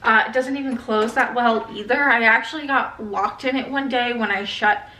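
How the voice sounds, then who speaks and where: A woman's voice: fairly high pitch, steady tone, normal speed, sharp tone, reverberant, far from the mic, poor audio. A woman in her early twenties vlogging casually about redoing her bedroom, chatty and swearing freely. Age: 20s. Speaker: lifestyle vlogger. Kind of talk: casual vlog chat. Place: bedroom at home.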